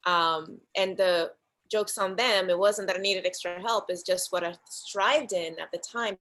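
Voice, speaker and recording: A woman guest from the Dominican Republic, chatting casually about her life in an interview over a video call, animated and often laughing. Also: on the low side, poor audio. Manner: animated storyteller, laughs often, acts out voices. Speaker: guest actress.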